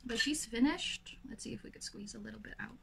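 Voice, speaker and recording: A young woman with a raspy, lazy voice chatting casually through a makeup tutorial, full of fillers. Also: on the high side, a little fast, sharp tone, a little hiss or hum. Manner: lazy, laid-back delivery full of fillers. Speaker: makeup vlogger.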